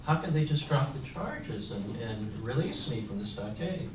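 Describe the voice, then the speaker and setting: Telling his personal story at a panel discussion, an older veteran raised in San Francisco, United States, speaks reflectively in a medium-pitched, sing-song voice with a darkish tone at normal speed. He uses many fillers and restarts. Captured by a distant mic, the sound is echoey and carries room noise.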